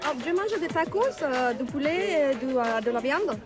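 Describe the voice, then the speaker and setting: A woman's voice: sits high, lively intonation, moderate pace, over music. A woman, speaking French hesitantly with many fillers. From Mexico. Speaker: street food customer.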